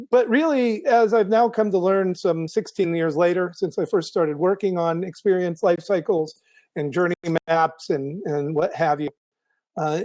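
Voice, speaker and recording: A man hosting a live video show, thinking aloud in a casual monologue with many ums and restarts, his voice going hoarse. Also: sits high, darkish tone. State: losing his voice.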